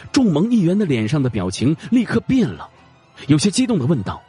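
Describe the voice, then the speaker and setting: A man narrating a fantasy audio drama in a dramatic, expressive way. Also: on the high side, a little fast, slightly rough, faint music behind.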